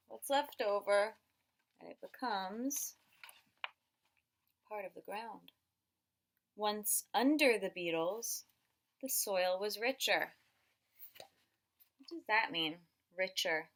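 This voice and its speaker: A female teacher, speaking at medium pitch, reads a picture book to young kids with expressive, instructive delivery. She stretches words out to emphasize them and pauses to pose questions.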